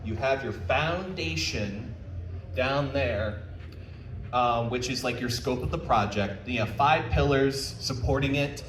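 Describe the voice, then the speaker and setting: Speaking slowly in a medium-pitched, somewhat bright voice, a visual novel developer hosts a live convention panel. His talk is casual and full of jokes as he answers questions, picked up by a distant mic in a roomy space with faint noise behind.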